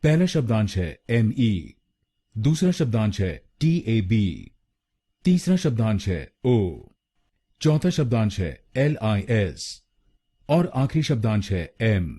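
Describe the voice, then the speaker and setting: Man, pronunciation teacher, slow deliberate syllable drilling, dark husky voice, lively pitch. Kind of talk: scripted pronunciation lesson.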